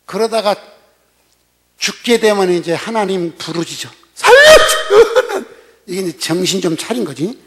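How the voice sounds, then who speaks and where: A man's voice: sits high, normal speed. An older man preaching a sermon as a senior pastor, telling the story in a blunt, colloquial way and throwing rhetorical questions at the congregation.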